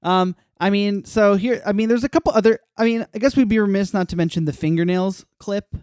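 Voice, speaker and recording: High, clear-voiced joking podcast host. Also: male voice, fairly quick, no room sound, studio quality. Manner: animated, joking, emphatic. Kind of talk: casual podcast chat.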